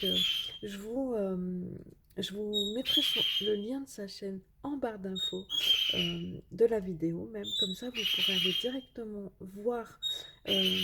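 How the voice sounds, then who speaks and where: A woman's voice: medium pitch, measured pace, heavy background noise. A woman vlogger chatting casually while unboxing craft mail, hesitant with many fillers and full of enthusiastic praise.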